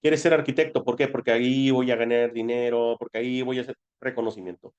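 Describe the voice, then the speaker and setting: A man with a Mexican Spanish accent talks fast and smoothly in a medium-pitched, slightly mellow voice with a steady tone, and the audio sounds dull. He gives an informal spiritual lesson the way a teacher would, conversationally posing rhetorical questions and answering them.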